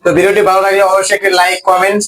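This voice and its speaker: A man's voice: high voice, monotone, rapid-fire, a bit bright. A man casually hosting a challenge vlog, talking to a friend and to viewers. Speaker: host of a food challenge video.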